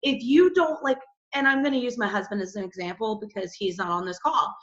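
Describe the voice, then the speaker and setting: A woman's voice: medium pitch, fairly quick, fairly bright tone, muffled recording. A woman coaching her team on a casual video call, chatty and full of "like" and little asides to the group.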